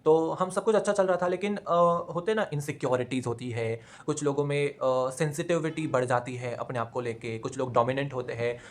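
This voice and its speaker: A man's voice: mid-range voice, fairly even intonation, fairly quick, few pauses. A young man chatting casually at home, telling a personal story and mixing English phrases into his talk.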